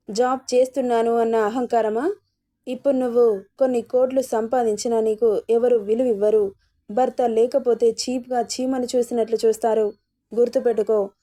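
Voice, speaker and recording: Storybook figure: a stern angry mother, read by a woman, raised pitch, mellow tone. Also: natural voice. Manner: harsh scolding.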